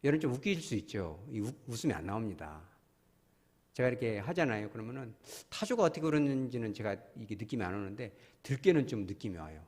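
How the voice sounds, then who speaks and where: Speaking fast in a mid-range, animated voice, a pastor delivers a sermon in a church sanctuary captured with long hall reverb. He's emphatic and repeatedly asks the congregation questions, with sudden loud cries, and his throat sounds strained after being ill.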